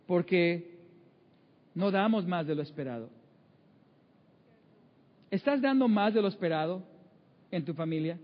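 A man preaching a sermon in a conversational way, with many fillers and acted-out inner voices. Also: high voice. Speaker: pastor. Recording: muffled sound in a reverberant hall.

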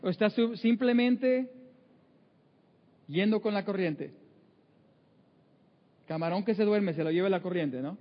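A man's voice: sits high, unhurried, pauses often. A man preaching a sermon in a conversational way, with many fillers and acted-out inner voices. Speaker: pastor. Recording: muffled sound in a reverberant hall.

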